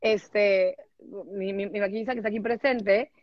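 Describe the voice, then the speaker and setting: A woman's voice: medium pitch, steady tone, moderate pace, no room sound. A woman in her forties hosting a phone livestream, chatting casually and telling candid stories with laughter. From Mexico. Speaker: livestream host. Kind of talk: casual chat. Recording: dull dry phone livestream audio.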